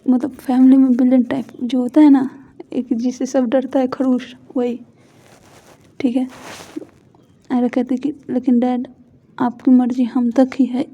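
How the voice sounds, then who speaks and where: A woman narrating a story casually and conversationally, correcting herself as she goes, in a dull lo-fi recording. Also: high voice.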